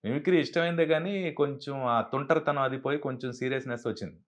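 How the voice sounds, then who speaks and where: Dubbing guy chatting in an interview, animated, does voices for quoted folks. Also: mid-range voice, quick pace. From Andhra Pradesh, India. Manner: animated, acts out quoted dialogue. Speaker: dubbing artist, interview guest. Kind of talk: casual storytelling interview.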